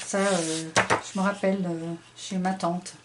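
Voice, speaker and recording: A middle-aged Frenchwoman chats her way through a scrapbooking haul, hesitating and using lots of fillers. Her voice is lowish, flat and unhurried, and the recording is very noisy.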